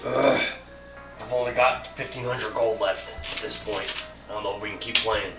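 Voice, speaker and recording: A man's voice: fairly low pitch, steady tone, moderate pace, distant mic, lightly acted. A man voicing a plain-spoken orc warrior in a tabletop role-play, in a roomy recording with music. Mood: resigned. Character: plain-spoken male orc warrior, world-weary gambler.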